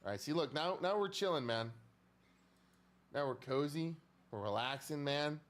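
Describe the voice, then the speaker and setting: A man's voice: fairly high pitch, animated, normal speed. A male live streamer chatting casually to his viewers, swearing freely and repeating his phrases.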